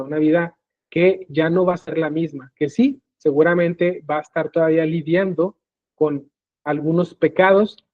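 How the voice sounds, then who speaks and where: A man teaching a live online Bible class in an explanatory way, often pausing to check in with his listeners. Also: fairly high pitch, no room sound. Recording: tinny phone-like call audio.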